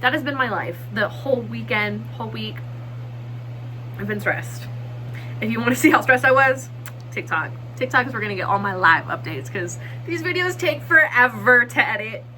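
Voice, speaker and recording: A young woman vlogging in a casual, excitable way, chatting quickly and nervously with frequent laughs. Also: a little high, a little hiss or hum, poor audio. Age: young adult. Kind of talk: casual vlog chat.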